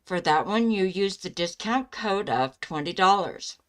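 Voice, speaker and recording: Slow-paced woman hosting a casual live stream. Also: mid-range voice, expressive. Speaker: live stream host giving psychic love readings.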